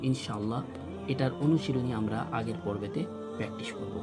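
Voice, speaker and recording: A man teaching Quran reading, drilling Arabic letters slowly with many repetitions. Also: mid-range voice, loud music behind the voice. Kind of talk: slow recitation lesson.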